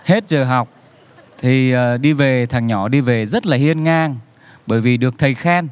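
A man telling a joke as a story, relaxed and unhurried, slowing down for effect and acting out the characters' lines. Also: medium pitch, smooth. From Vietnam.

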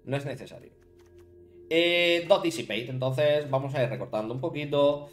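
A man's voice: fairly high pitch, normal speed, faint music behind. A man from Spain with a Spanish accent, chatting casually on a live stream while building a card deck and talking to viewers. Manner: chatty, thinks aloud, talks to chat viewers by name.

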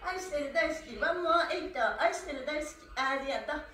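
Talking fast in a high, slightly bright voice, a middle-aged woman leads a live stretch class, cheerfully laughing through the counts. She's on a floor mat in a small room at home. The far camera leaves her voice distant and echoey.

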